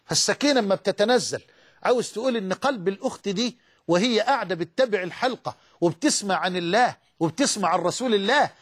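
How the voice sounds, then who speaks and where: High-voiced Egyptian preacher. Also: male voice, lively intonation, quick pace, breathy edge. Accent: Egyptian Arabic. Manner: emotive, swearing oaths, mixing Quranic recitation with colloquial speech. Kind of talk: religious lecture on a TV channel.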